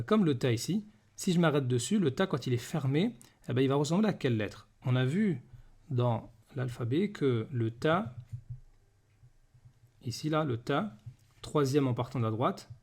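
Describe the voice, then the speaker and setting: A man with a mid-range, darkish voice and a breathy edge leads a beginners' reading lesson. He patiently repeats every word slowly and keeps asking questions to check understanding.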